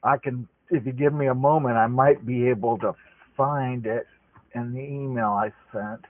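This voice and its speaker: A man's voice: mid-range voice, fairly even intonation, normal speed, no echo. A man making a phone call, heard over the phone line, politely explaining his request at length. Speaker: caller. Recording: tinny dry phone call recording.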